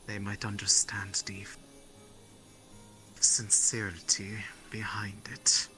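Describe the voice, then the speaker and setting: A man playing a guide who interprets the spirits, speaking in a measured, hesitant way. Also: on the low side, completely flat delivery, bright, forceful tone, soft background music, full character voice, low-quality recording. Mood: guiding. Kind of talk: in-character roleplay.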